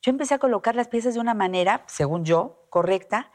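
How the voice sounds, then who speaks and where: A woman's voice: a little high, expressive, fast talker. A woman guest in casual conversation, telling a personal story with lots of fillers and restarts. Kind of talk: casual chat.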